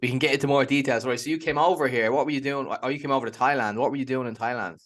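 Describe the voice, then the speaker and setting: A man's voice: medium pitch, fairly even intonation, racing, a bit bright. A man hosting an interview show, chatting in a friendly, upbeat way. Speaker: podcast host and interviewer. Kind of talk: casual interview.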